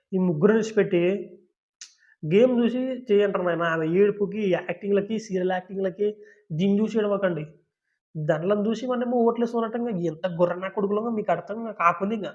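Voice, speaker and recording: Male vlogger, high-pitched and blunt, sneering reality-show takes, lo-fi sound. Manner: blunt and mocking, talks straight to viewers. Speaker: YouTube commentator. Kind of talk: opinionated reality-show commentary.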